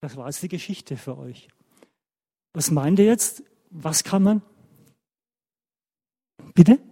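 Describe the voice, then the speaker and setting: A man telling a story to children in church, animated and often checking in with them. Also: a little high, slow pace, breathy edge, big-room sound.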